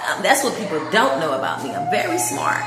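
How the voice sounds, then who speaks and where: Over music, a woman with a fairly low, sing-song voice talks fairly quickly on a casual livestream while showing off her new apartment. She sounds heartfelt and laughs often. The empty rooms give the recording a strong echo with long reverb.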